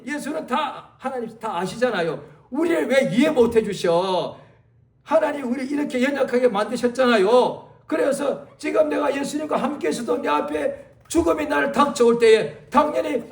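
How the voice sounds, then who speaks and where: A male pastor preaching a sermon in a church, dramatic, swinging from loud exclamations to low muttered asides. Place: church sanctuary. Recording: echoey church hall, distant mic.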